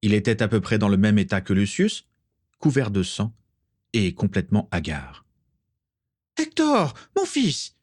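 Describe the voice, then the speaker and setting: A man narrating a storybook aloud with an expressive reading. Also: fairly low pitch, moderate pace, no echo, clean studio sound. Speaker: audiobook reader.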